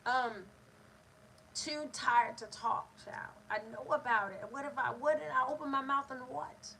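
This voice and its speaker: A woman with a high, bright voice hosts a motivational talk, pressing her points with emphatic, repeated phrases. There is a faint hiss of background noise behind her. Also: steady tone, a little slow, vocal fry, rough recording. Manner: preachy, emphatic, repetitive call-and-response phrasing. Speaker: host of a manifestation talk. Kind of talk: motivational live-stream talk.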